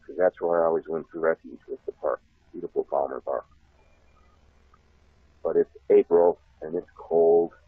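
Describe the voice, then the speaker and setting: A man telling a long childhood story on a talk show, animated and laughing often. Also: low-pitched, husky, no echo. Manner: animated, laughs often, acts out shouted voices. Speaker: guest telling a life story. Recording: tinny phone line.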